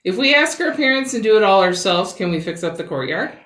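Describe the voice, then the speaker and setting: A woman voicing an eager, hopeful young girl in a storybook, earnest and excitable. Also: mid-range voice, a little fast, recorded from a distance. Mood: determined. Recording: roomy, echoing sound.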